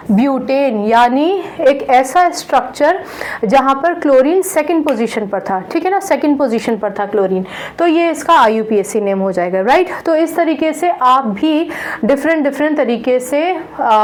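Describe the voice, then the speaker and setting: This online classroom lecture features a woman with a high voice, captured on a low-quality recording. Patiently, she explains how to name compounds, counting carbons slowly and pausing often to check on her students.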